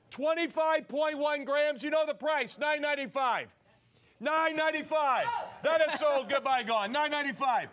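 Talking fast, a high-voiced man hosting a shopping show repeats his pitches over and over and pushes viewers to shout "sold."

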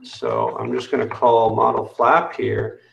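A man with a gravelly, fry-edged voice talks through code on a video call, explaining each step and leaning on "um" as he goes. His desk mic picks up a roomy echo from the small room around him. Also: mid-range voice, little pitch movement, a little slow, slight background noise. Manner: explanatory, frequent "um" fillers. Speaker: developer demoing software. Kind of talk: technical screen-share walkthrough.

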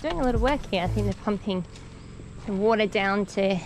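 A woman's voice: mid-range voice, a little fast, over music. A woman in her thirties chatting casually on camera while on a boat and hiking a rocky canyon outdoors, upbeat and a little self-mocking, on a handheld camera. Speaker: family travel vlogger.

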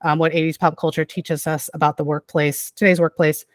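A podcast host chats with a guest in an easy, affirming way, full of "um" and "you know". The voice sits at a middle pitch. It is recorded dry and close, with little room. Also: flat delivery, brisk, no echo. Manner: chatty and affirming, many "um" fillers and backchannels. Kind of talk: casual podcast interview.

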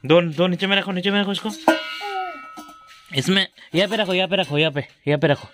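A man's voice: high-pitched, a little fast, music in the background. A man filming a home vlog, patiently coaxing his young daughter with the same questions again and again. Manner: coaxing, repeats questions over and over. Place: home, indoors.

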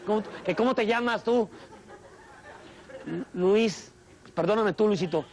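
Bossy, sarcastic Mexican father figure, put on by a male comic; a loud rant over a live crowd. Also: high voice, measured pace. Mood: fake-polite. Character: loud furious middle-aged father ranting at dinner.

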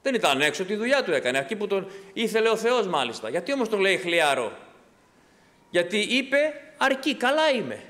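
A man's voice: high voice, sing-song, a bit bright. A male pastor delivering an impassioned sermon, asking rhetorical questions and answering them himself. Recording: long hall reverb.

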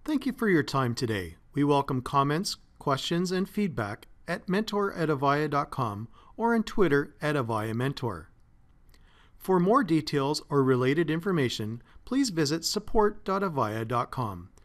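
A man narrating a scripted step-by-step tech tutorial as a support engineer, in a steady, methodical way. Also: fairly high pitch, normal speed. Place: voice-over, not recorded in the pictured place.

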